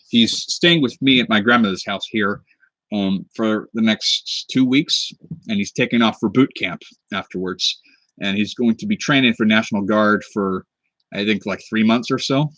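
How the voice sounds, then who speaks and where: Easygoing young man, low dry voice. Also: normal speed, fairly bright tone, dry recording. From United States (Pacific Northwest). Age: 20s. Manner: rambling and easygoing, talking while working with his hands. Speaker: cosplay prop maker streaming live. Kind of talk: casual livestream chat while crafting. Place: indoors at a desk at home under a lamp. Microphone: webcam mic.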